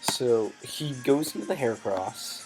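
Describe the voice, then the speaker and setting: A man's voice: mid-range voice, expressive, a little slow, a little mellow, soft background music, poor audio. A man giving hesitant, thinking-aloud commentary over his competitive game, with frequent ums and self-corrections, and his voice sometimes cracks.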